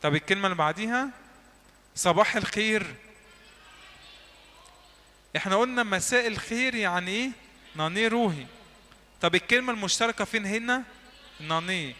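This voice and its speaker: A man with an Egyptian Arabic accent teaching a church class, quizzing the listeners and repeating words slowly so they echo them back. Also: high voice, animated, sharp tone. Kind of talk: lively classroom teaching with drills. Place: church hall.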